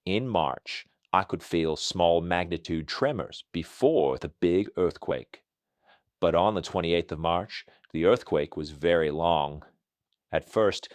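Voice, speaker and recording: A male journalist with an electronically disguised voice, answering interview questions in a halting, plain telling. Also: deep voice, no echo. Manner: halting, plain storytelling with pauses.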